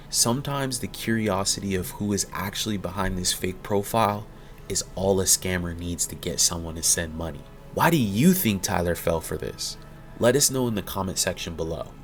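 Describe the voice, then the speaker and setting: A man's voice: low-pitched, moderate pace, soft background music. A man giving scripted narration about a romance scam case.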